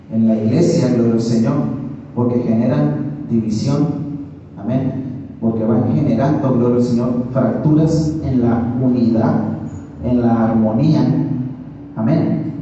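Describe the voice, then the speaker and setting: A man preaching a sermon lesson, filling pauses with "amén" and "gloria al Señor", halting and repeating words. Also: mid-range voice, dark tone, a little hiss or hum. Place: church hall. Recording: echoey hall, distant dull mic.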